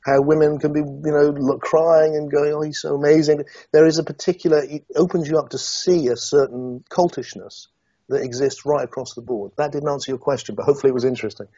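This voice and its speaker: Husky, hesitant middle-aged man. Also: fairly high pitch, a little fast, no room sound, dull audio. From Somerset, England. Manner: hesitant, many restarts, animated when recounting. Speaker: interview guest, author. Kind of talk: reflective interview conversation.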